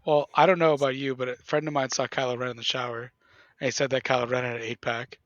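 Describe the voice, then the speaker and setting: A man's voice: mid-range voice, little pitch movement, fast, fairly bright tone, no echo. A man on a podcast panel making brief remarks and dry jokes in casual gaming chat. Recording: dull dry lo-fi mic.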